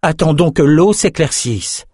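A man's voice: a little high, animated, unhurried, a little mellow, no room sound, clean studio sound, pitched above the performer's own voice. A man voicing a relentlessly optimistic male captain in a fantasy audiobook, cheerful and bossy. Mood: upbeat.

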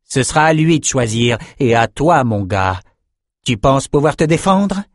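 A man's voice: medium pitch, sing-song, a little slow, no echo, clean studio sound, voice pushed up. A man voicing a cruel, domineering woman who owns gladiators, in a scornful, commanding tone in a storybook reading.

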